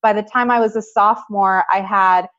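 A young woman in her twenties from Pakistan, a guest on an interview, telling her life story in a measured, reflective way. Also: mid-range voice, fairly even intonation, fairly bright tone. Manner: measured, reflective, frequent "I think" and "you know". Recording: slightly dull lo-fi audio.

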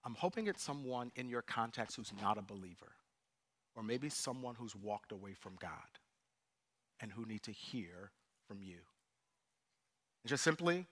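A man's voice: mid-range voice, pushed and bright. A man preaching a sermon as pastor, conversational at times and building into impassioned preaching. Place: church sanctuary.

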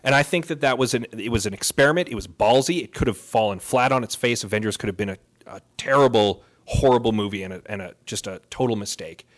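A podcast co-host chats casually about films and comics, making emphatic, opinionated points and often repeating phrases for weight. He speaks fast in a fairly low voice with hardly any pauses.

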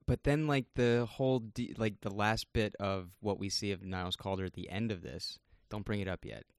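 A man co-hosting a casual podcast who hesitates and thinks out loud while he talks. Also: lowish voice, fairly even intonation, moderate pace, clear, resonant tone, no echo, studio quality. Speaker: podcast co-host. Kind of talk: casual TV episode discussion.

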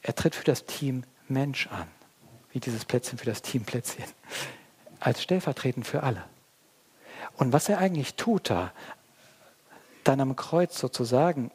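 A man preaching a sermon as pastor, talking straight to his congregation and swinging between hushed, quiet passages and loud, excited ones. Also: mid-range voice, husky.

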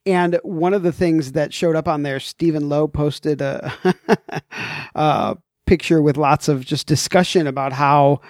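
A man's voice: fairly high pitch, fairly even intonation, unhurried, no echo. Chatty podcast man with a dry, close sound. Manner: chatty, jokey, rambling with fillers. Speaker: podcast co-host. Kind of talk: casual podcast chat.

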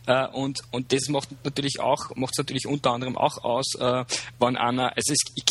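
A man's voice: mid-range voice, flat delivery, fairly quick, a little hiss or hum. A man with an Upper Austrian accent, a guest in an interview, talking casually and hesitantly with many fillers and restarts. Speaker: guest, social media consultant.

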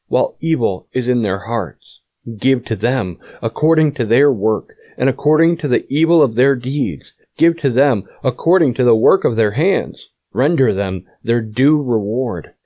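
A man reading scripture aloud in a measured, solemn way. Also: mid-range voice, no room sound. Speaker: scripture reader. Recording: dull lo-fi audio.

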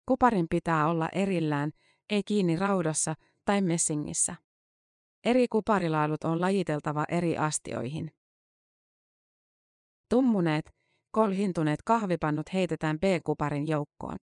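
A woman reporter reading a scripted news-feature narration in a measured, matter-of-fact way. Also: deep voice, a little mellow, no echo, studio quality.

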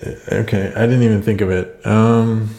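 A man's voice: lowish voice, little pitch movement, moderate pace, dark tone. A man co-hosting a podcast in a casual, laid-back way, rambling and trailing off, his voice echoing around an empty, undecorated spare bedroom. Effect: echoey sound from a bare, undecorated room. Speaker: podcast co-host. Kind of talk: casual chat.

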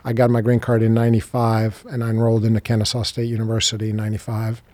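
A man's voice: lowish voice, completely flat delivery, fast, a little mellow, no room sound. A man, an English speaker, talking enthusiastically as an interview guest with fillers and restarts. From Serbia. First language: Serbian. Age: 40s. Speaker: guest, business banker. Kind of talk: interview conversation.

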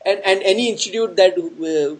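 A man with a high-pitched voice and an Indian accent hosts an informal news chat. He explains things in a casual, jokey way, switching between English and bits of Hindi. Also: moderate pace, low-quality recording. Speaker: host of an online news discussion show.

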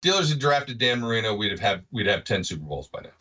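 A man co-hosts a sports podcast in an animated, argumentative way, tossing in "right?" after point after point. His voice is bright and swings widely in pitch, and he sounds set back from the mic. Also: quick pace, far from the mic. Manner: animated, keeps asking "right?". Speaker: podcast co-host. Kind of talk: casual sports talk.

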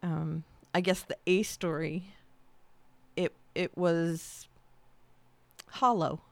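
A woman's voice: fairly low pitch, steady tone, very slow, dry recording. A woman co-hosting a casual podcast, chatty and self-mocking, often breaking into giggles. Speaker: podcast co-host. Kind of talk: casual chat.

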